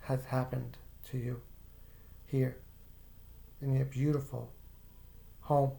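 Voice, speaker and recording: A man with a creaky, medium-pitched voice leads a guided visualization, talking to the listener as "you." He speaks slowly, softly and calmly, with occasional casual fillers.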